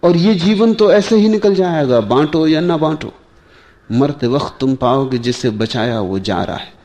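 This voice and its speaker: Guy giving a spiritual talk, slow and measured, lots of pauses, gravelly low mellow voice. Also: animated. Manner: rhetorical questions to listeners. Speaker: spiritual teacher. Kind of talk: spiritual discourse.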